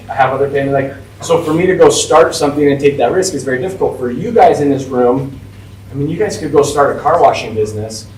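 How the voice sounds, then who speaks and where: A man's voice: mid-range voice, distant mic, a little hiss or hum. Man around forty, casual guest speaker, chatty and informal, roomy echo, heard from off-mic. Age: 40s. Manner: chatty, informal, lots of "like" and "right?". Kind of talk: casual talk to a class. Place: school classroom. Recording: echoey room, voice from off-mic.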